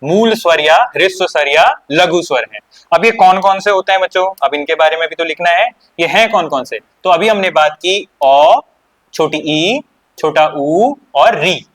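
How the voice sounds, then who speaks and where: ऊँची आवाज़ वाला हिंदी शिक्षक, खुद सवाल पूछकर जवाब देता है. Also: male voice, on the high side, normal speed, a bit bright. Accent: Uttarakhand Hindi. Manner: asks questions and answers them himself, repeats key points. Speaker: teacher. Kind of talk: exam-prep grammar lesson.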